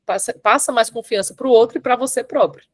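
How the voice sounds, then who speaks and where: A woman's voice: fairly high pitch, dry recording. A woman teaching a public speaking workshop over a video call, stretching out stressed syllables and often checking in with her listeners. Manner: emphatic, drawn-out stressed syllables, frequent "tá?" and "certo?" checks. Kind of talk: online workshop lesson.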